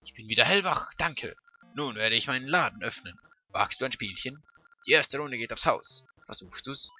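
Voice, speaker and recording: A man's voice: mid-range voice, normal speed. A man with a Swiss German accent reading aloud the lines of a cheerful male rock-creature shopkeeper in a video game. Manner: reads game text aloud in a lively voice.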